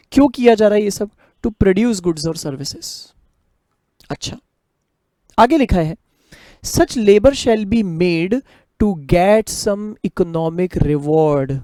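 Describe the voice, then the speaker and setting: A man teaching a commerce lecture, explaining in Hindi mixed with English, reading the text aloud slowly and asking rhetorical questions. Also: sits high, mellow, no room sound, studio quality. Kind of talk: classroom lecture.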